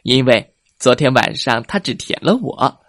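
A man's voice: medium pitch, lively intonation, a little slow, a bit bright, no room sound, clean studio sound. A man voicing a boastful baby ankylosaur in a children's story, talking in a bragging singsong. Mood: smug bragging. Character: boastful baby ankylosaur, young male, smug.

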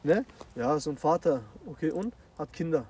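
A man's voice: a little high, expressive, moderate pace, a little mellow. A young man, telling things to friends casually and insistently, step by step. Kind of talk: casual storytelling among friends. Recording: distant mic with faint ambient noise.

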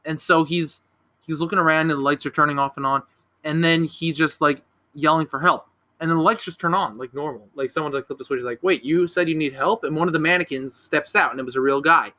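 A man's voice: on the high side, fairly even intonation, fast talker, pushed and bright. A young man casually recapping a horror movie on a podcast, rambling, swearing and correcting himself as he goes. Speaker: podcast co-host.

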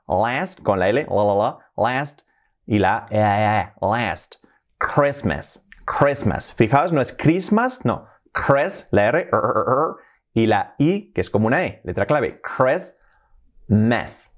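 A man with a Spain Spanish accent, teaching English pronunciation in a casual video lesson and drawing words out slowly to drill sounds. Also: mid-range voice. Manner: slow, exaggerated pronunciation drills.

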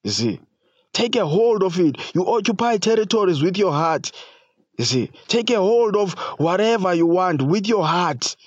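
Pastor man, casual halting sermon. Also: high voice, very animated, no room sound, muffled recording. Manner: halting, many fillers like "you know" and "you see"; casual preaching with slang.

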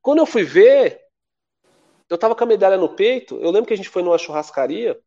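Brazilian man in his forties, a lively storyteller with a slightly high voice that leaps up when he acts out other people's lines, recorded a bit dull and lo-fi. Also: brisk. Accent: Brazilian Portuguese. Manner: lively, acts out quoted voices with big pitch jumps. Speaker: podcast guest, former athlete. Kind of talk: casual storytelling.

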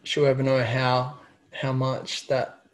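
A man's voice: mid-range voice, monotone, slow. A young man telling a personal story in casual chat. He stumbles and repeats words often as he talks.

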